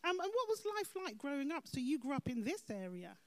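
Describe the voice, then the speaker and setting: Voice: sits high, very animated, brisk. An interviewer at a church event, asking questions with a curious, encouraging manner.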